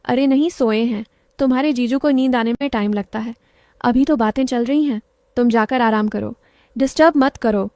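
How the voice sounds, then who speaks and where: एक महिला कहानी में एक शरारती, छेड़ने वाली युवा विवाहित बहन की आवाज़ देती है।. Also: female voice, fairly high pitch, moderate pace, mellow, dry recording, clean studio sound, natural voice. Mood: irritated. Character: playful teasing young married woman, sister.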